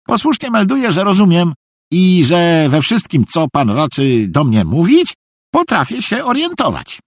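Švejk, a man doing a high, naive, obliging soldier. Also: huge pitch swings, unhurried, dry recording, studio quality, exaggerated voice. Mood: earnest. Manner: naive, earnestly obliging, rambling. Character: cheerful simple-minded middle-aged male soldier, earnest.

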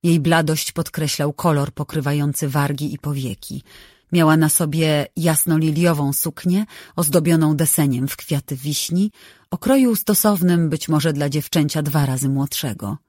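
Audiobook narrator reading a novel, steady measured delivery, super dry close mic. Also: medium pitch, no echo.

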